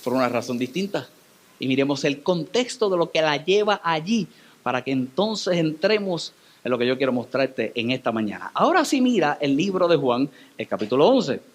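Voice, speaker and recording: A male pastor with a Puerto Rican accent, preaching a sermon in a church with dramatic, animated storytelling. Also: moderate pace. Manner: dramatic, animated storytelling with sudden pitch swings.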